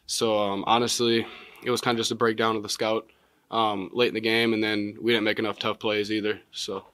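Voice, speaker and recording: Young man, 20s, college athlete, postgame press conference, measured, many fillers, low flat voice, dry close table mic. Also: no room sound. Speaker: college basketball player. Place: press room, seated at table. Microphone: table mic in front.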